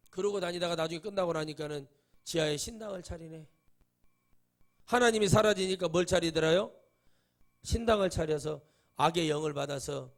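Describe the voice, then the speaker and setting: A male pastor preaches with emphatic, dramatic force and breaks into acted-out voices as he tells his stories. His voice sits high and carries a gravelly rasp. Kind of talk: sermon.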